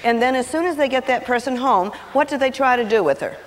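A woman with a fairly high voice gives a lively seminar talk, switching into little acted voices as she tells her stories. Her words ring out with a long reverb, as if captured from an old videotape in a large hall. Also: quick pace. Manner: animated, acts out quotes in changing voices. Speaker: seminar speaker on personality and marriage.

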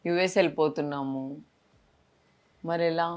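A woman's voice: deep voice, fairly even intonation, moderate pace, darkish tone. A young woman vlogger, talking tenderly and coaxingly to a small child. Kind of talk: casual vlog chat.

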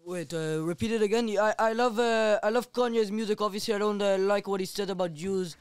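A man chatting as a podcast guest, using an accent the others call fake and denying it deadpan. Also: sits high, a little fast, smooth, no room sound. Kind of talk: casual podcast chat.

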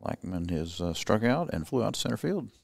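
A man calling play-by-play for a high school baseball game in a plain, matter-of-fact way. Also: big pitch swings, fairly quick, gravelly, darkish tone, dry recording, studio quality. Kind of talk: casual play-by-play commentary.

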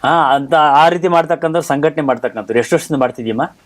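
A man hosting a talk show, introducing guests in a measured, formal way and teasing them with playful questions. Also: fairly high pitch. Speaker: host.

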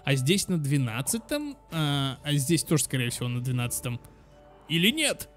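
This young gaming channel host has a bright, sing-song voice on the high side and talks at a moderate pace. He gives casual, chatty let's play commentary aimed at kids, thinking aloud and repeating words while game music plays.

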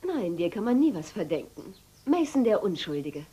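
A woman's voice: mid-range voice, big pitch swings, moderate pace, warm tone, a little hiss or hum, close to an everyday voice. An actress dubbing a scheming, sarcastic woman with expensive tastes in a soap opera. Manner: coy, mocking. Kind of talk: German-dubbed soap opera acting.

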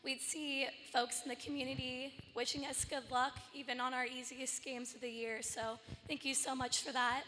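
A hoarse young woman, a college volleyball player, gives an earnest thank-you speech, often pausing with an um. Her voice sits high and bright, and the long echo of a big hall lingers around it. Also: level tone, slight background noise. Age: young adult. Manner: earnest, with many ums. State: lost her voice.

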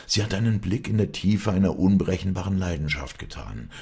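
A man narrates a novel as an audiobook in a deep, gravelly voice. His tone is very husky, yet his pitch moves expressively. The reading is measured and storytelling. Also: sing-song, dark tone. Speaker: audiobook reader.

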